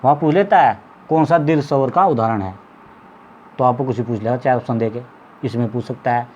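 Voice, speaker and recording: Over slightly dull, lo-fi audio with faint background noise, a Hindi teacher with a medium-pitched, darkish voice teaches his students. He stretches out vowels to demonstrate them, keeps checking in with "ठीक है", and coughs occasionally.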